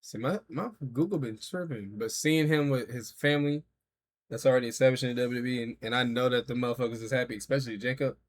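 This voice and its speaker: A man's voice: mid-range voice, quick pace. A man in his thirties, a streamer, reacting casually and talking to his chat in loose, profane slang. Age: 30s.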